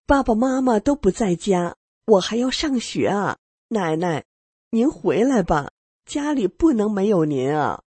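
A woman's voice: medium pitch, very animated, measured pace, mellow, slightly rough, no room sound. A woman voicing a little granddaughter crying and pleading for her grandmother, in a dramatized radio story.

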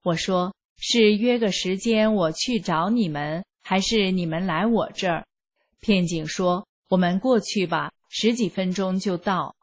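A woman reads a first-person account at an unhurried pace, her delivery calm and even. Her voice is soft and slightly breathy, with measured pauses between phrases. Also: mid-range voice. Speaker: reader. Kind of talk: scripted first-person narration.

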